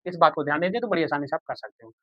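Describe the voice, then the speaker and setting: A man's voice: on the high side, expressive, rapid-fire, no room sound, dull audio. Patient man teaching a maths lesson. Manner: patient, repeats steps, calls viewers "beta" and "bhaiya"; asks the class questions, then answers them himself.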